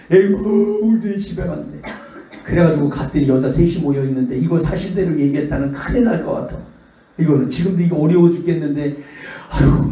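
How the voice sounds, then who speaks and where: A middle-aged male pastor giving a revival sermon, telling stories animatedly and acting out the people in them. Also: a little high. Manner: animated, acts out the voices in his stories. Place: church sanctuary. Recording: echoey church hall, distant mic.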